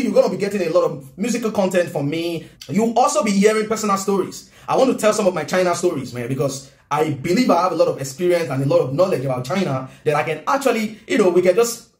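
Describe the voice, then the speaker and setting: A man in his thirties with a Nigerian accent, talking casually and earnestly to camera from his home kitchen. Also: high voice. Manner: animated, gestures a lot, earnest. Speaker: vlogger and business coach. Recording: roomy room echo.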